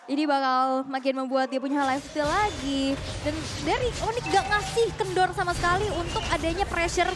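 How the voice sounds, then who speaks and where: A woman's voice: high-pitched, steady tone, normal speed, hardly any pauses. A woman with an Indonesian accent giving live, analytical commentary on an esports match.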